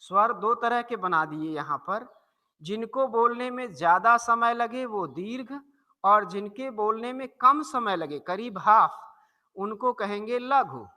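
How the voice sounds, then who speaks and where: A man's voice: sits high, pushed and bright, big-room sound. A male Hindi teacher with a north Indian accent, explaining a grammar lesson and carefully repeating example words to model their pronunciation. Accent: Hindi-speaking north Indian.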